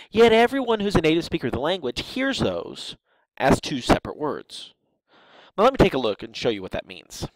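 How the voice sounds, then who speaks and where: Lively-voiced man lecturing. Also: medium pitch, no room sound, low-quality recording. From American South. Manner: explanatory, drawn-out example words. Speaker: linguistics lecturer.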